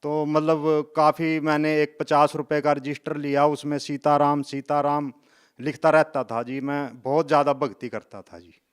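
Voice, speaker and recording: A man in his fifties from Haryana, speaking with a smooth, clear and resonant tone. His voice sits a little high for a man and stays flat, with little rise and fall. He tells his story earnestly, in short phrases. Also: moderate pace. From Haryana, India. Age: 50s. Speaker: interviewee, devotee. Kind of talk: testimony interview.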